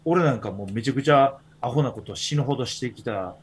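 Speaking briskly in a mid-range voice, this Kansai-accented podcast host rambles through casual stories full of fillers. There's slight background noise.

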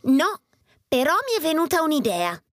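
A man's voice: extremely high pitch, wildly swooping pitch, normal speed, fairly bright tone, no room sound, clean studio sound, voice pushed up, heavily acted. A man voicing a young, earnest male elf apprentice who breathes fire, in a children's storybook reading.

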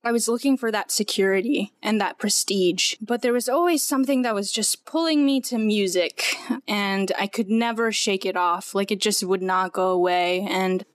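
A woman's voice: mid-range voice, moderate pace, dry recording, clean studio sound. A young woman, a podcast guest, earnestly telling her personal story with many "like" fillers. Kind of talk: personal testimony in conversation.

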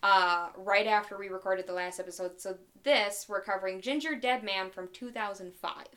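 A woman's voice: mid-range voice, fairly even intonation, moderate pace, a bit bright. A woman co-hosting a casual podcast, playfully leading the conversation. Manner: playful, leads the show. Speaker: podcast co-host.

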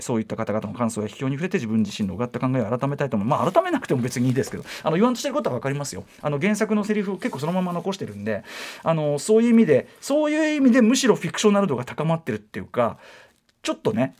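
A man hosting a radio film-review show, reading listener emails and adding his own rambling asides with many fillers. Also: medium pitch. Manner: rapid, lively delivery with many fillers and asides.

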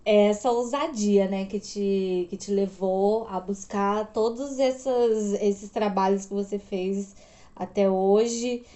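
A woman interviewing a guest in a casual chat, attentive and quick to murmur agreement. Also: medium pitch, steady tone, dark tone.

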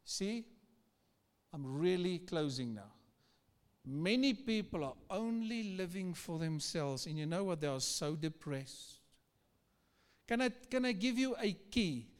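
A male pastor delivers a sermon in the manner of a pep talk, exhorting listeners with repeated questions and commands. His voice is high for a man and smooth, with an unhurried, slow pace. It rings through a large hall. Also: expressive. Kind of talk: rousing sermon exhortation, like a pep talk, calling for crowd response. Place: large reverberant church hall. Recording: long hall reverb.

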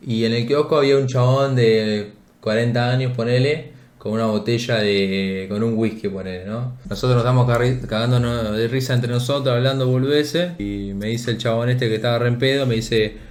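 A young Argentine man tells a story in a loose, rambling way, piling on slang fillers. His voice sits at an ordinary middle pitch. The room around him rings with a noticeable echo. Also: fairly even intonation, normal speed, hardly any pauses, darkish tone. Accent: Argentine Rioplatense Spanish. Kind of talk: casual anecdote telling. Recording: roomy echo.

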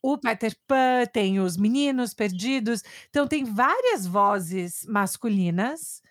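Brazilian woman host, kinda high voice, dry sound, gushing and asks long questions. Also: expressive, slow pace, no echo. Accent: Brazilian Portuguese. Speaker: interviewer. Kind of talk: casual interview chat.

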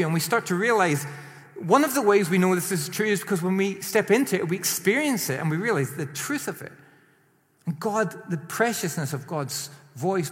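Male preacher, slightly high voice, emphatic and animated, long hall reverb. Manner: animated, rising to emphatic peaks then dropping quiet. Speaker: pastor. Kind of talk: sermon.

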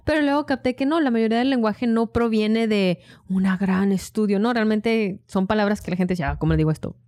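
A woman co-hosting a podcast, speaking in a middle pitch. She is animated and opinionated and throws in quick asides in a relaxed chat. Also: no room sound, studio quality. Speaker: podcast co-host. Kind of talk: casual chat.

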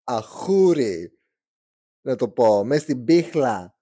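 A man's voice: mid-range voice, big pitch swings, mellow, husky, no echo, studio quality. Chatty young man telling a true crime story. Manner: chatty, joking asides, slangy. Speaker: true crime podcast host. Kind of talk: casual storytelling narration.

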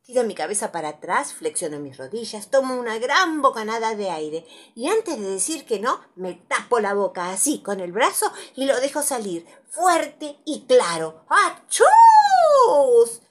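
A woman reading a playful children's story aloud in a dramatic, very expressive, breathy way. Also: fairly high pitch, normal speed, hardly any pauses.

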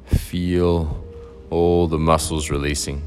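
A man guiding a meditation in a soft, soothing, unhurried way, leaving long pauses between phrases. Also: very deep voice, little pitch movement, soft background music. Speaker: meditation guide. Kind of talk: guided meditation narration.

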